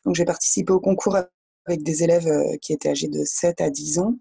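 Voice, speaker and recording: A woman's voice: low-pitched, fairly even intonation, brisk, gravelly, mellow, husky. A woman in her thirties, a teacher giving an informal presentation on a video call. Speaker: primary school teacher. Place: indoors, plain room. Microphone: video call, close to camera.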